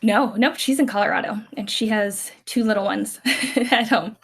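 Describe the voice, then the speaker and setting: A woman in her thirties from California tells family stories as a podcast guest, her medium-pitched voice a bit bright and slightly rough at a normal pace. It's casual, chatty, rambling storytelling, packed with fillers and restarts, and she laughs readily.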